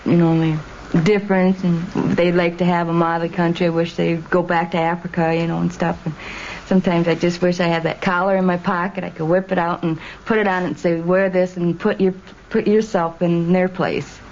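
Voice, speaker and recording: A young woman, a former student, speaking haltingly with many fillers. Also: fairly low pitch, little pitch movement, darkish tone. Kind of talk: candid personal recollection. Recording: dull lo-fi documentary audio with faint room noise.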